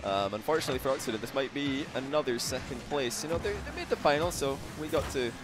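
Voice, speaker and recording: A man's voice: mid-range voice, animated, fast talker, noisy background. A man commentating a live esports match in a joking, playful way, laughing often.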